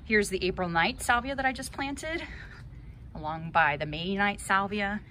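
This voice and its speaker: In this outdoor clip shot on a handheld phone, a thirty-something gardening vlogger chats her way through a casual garden tour, dropping cheerful asides along the way. Her tone is bright and forceful, at medium pitch and normal speed. The background carries outdoor ambient noise.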